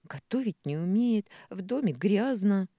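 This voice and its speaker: Brief: reader doing a pregnant young daughter, shrill and indignant, mellow dry read. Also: expressive, unhurried, no echo. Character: pregnant young woman, touchy and tearful daughter. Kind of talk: audiobook character voicing.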